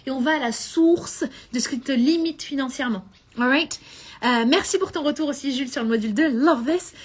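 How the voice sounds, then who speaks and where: Woman, business coach, live stream, high-pitched, animated, mixes in English phrases. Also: brisk.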